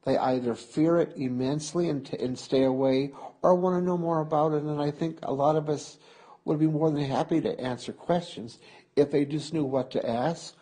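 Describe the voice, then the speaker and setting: A man close to sixty with a Minnesotan accent talks in a husky, slightly breathy voice. He tells his stories with animation and frequent laughter, in a relaxed conversation recorded for an oral history interview. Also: on the high side, normal speed, rough recording. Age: 50s. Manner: lively, laughs often, animated storytelling. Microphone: close interview mic.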